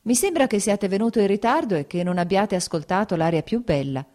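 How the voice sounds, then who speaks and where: A woman reading an audiobook, voicing a passionate young society woman who turns ironic and cries out in despair, pitched higher and louder than her narration. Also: animated, fairly quick, natural voice. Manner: ironic, then crying out in despair.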